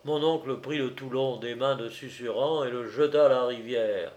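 A man narrating a classic novel in a measured storytelling manner. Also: mid-range voice, a little mellow. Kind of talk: audiobook narration.

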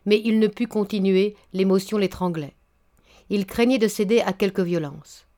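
A woman narrating a classic story aloud in a measured, even way. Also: medium pitch. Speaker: audiobook narrator. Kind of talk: scripted narration.

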